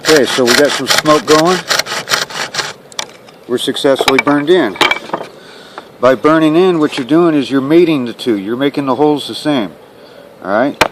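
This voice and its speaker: Male how-to instructor, medium pitch, plain instructional delivery during a hands-on demo, noticeable background handling noise. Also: normal speed, long pauses. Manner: plain-spoken, instructional, checks with "okay". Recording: clear ambient and handling noise.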